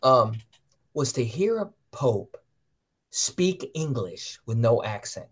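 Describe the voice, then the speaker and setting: An American man co-hosting a casual talk show, animated and playful, acting out quotes. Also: mid-range voice, slow, slightly rough. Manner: animated, playful, acts out quotes in silly voices. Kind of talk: casual chat.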